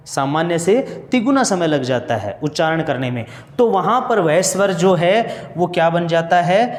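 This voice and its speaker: Speaking in a voice that sits high, a man teaches grammar to students preparing for exams, breaking it down step by step. He asks his own questions, answers them, and goes over key points again, with the echoey room adding a long reverb.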